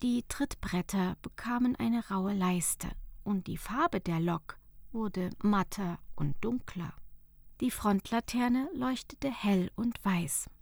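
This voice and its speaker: A woman reading a storybook tale aloud in a soft, calm, unvoiced whisper. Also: mid-range voice, takes it slowly, creaky, dry recording. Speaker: narrator.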